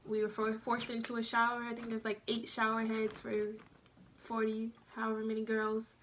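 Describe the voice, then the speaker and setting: A woman's voice: on the high side, monotone, normal speed, fairly bright tone, slight background noise. A young woman vlogger telling her own story in a chatty way, speaking straight to her viewers and giving them tips. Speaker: vlogger recounting basic training. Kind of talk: casual storytelling vlog.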